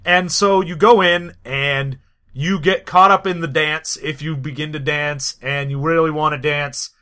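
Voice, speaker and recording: Higher-pitched, bright man explaining. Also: fairly even intonation, a little slow. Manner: laid-back, explaining, dry asides. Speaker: podcast co-host. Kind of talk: casual comedic chat.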